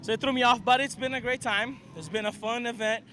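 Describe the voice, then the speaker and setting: A drift driver talking in a casual interview, excited and rambling, often repeating his words. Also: very high voice, fast talker. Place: outdoor drift race track. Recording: noisy outdoor race track. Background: car engines and track noise.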